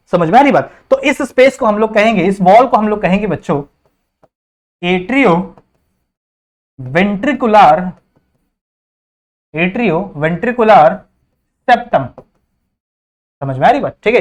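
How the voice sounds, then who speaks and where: A man with an Indian accent teaching biology in a classroom-style lecture, mixing Hindi with English terms and often asking students whether they understand. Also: sits high. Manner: keeps checking understanding with repeated questions.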